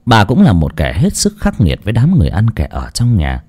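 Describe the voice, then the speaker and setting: A man narrating a dark folk story in a dramatic, animated way. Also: fairly low pitch, brisk, husky.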